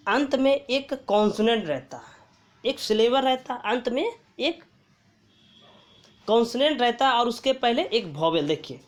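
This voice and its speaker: A woman teaching English grammar, reading word lists aloud and asking and answering her own questions. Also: on the high side. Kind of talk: slow classroom-style grammar lesson.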